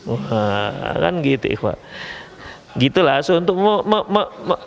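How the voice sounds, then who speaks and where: Male preacher, Medan accent, playful lecturing, high lively voice, echoing hall. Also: a little slow, creaky. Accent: Medan Indonesian. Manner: lively, joking, addresses listeners as ikhwah. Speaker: Islamic preacher. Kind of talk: religious lecture.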